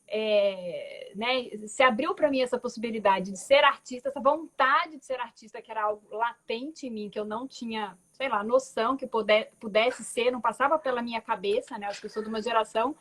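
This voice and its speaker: This guest artist on a video call is in her forties and comes from Belo Horizonte, Brazil, with a Minas Gerais Portuguese accent. Her voice is a little high and a little fast, fairly bright, with few pauses. Her storytelling is reflective and conversational, full of tag words and restarts.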